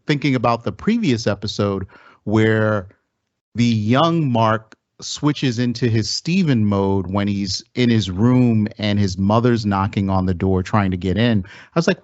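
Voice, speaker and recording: A man's voice: on the low side, a little mellow, no echo. A man moderating a podcast discussion, easygoing and casual, passing the turn to other panelists. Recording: dry muffled lo-fi audio.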